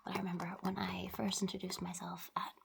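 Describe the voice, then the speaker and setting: A woman whispers quickly and softly in a casual, rambling ASMR chat, close to the microphone, trailing off and picking thoughts back up. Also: fairly low pitch, completely flat delivery, a little hiss or hum. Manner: fast whispering, breathy and soft-spoken. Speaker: ASMR video host.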